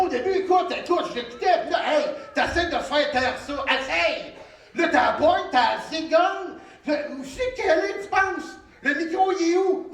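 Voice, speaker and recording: A young male stand-up comedian with a Québécois French accent, telling a story in an animated, theatrical way that swings into shouts and sing-song. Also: very high-pitched, far from the mic. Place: theatre stage. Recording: roomy live stage sound from off-mic.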